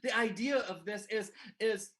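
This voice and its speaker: A man giving a devotional as an animated story, full of self-mocking humor, on a livestream. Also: high voice, a little slow. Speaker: devotional speaker.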